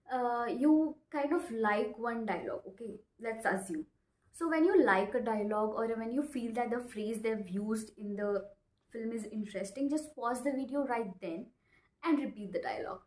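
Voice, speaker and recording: Presenting an English-learning video, a twentysomething woman with an Indian accent speaks with a fairly high, slightly mellow voice; English isn't her first language. She talks emphatically to camera, repeating phrases and checking in frequently, in a small bare room that echoes.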